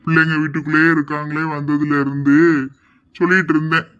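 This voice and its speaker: A man's voice: a little high, level tone, fast, sharp tone, dull audio, pitched below the performer's own voice. A man playing a cranky old grandfather. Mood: scolding. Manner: scolding, gruff, dismissive. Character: grumpy old village grandfather, sleepy and cranky. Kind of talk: amateur audio drama acting.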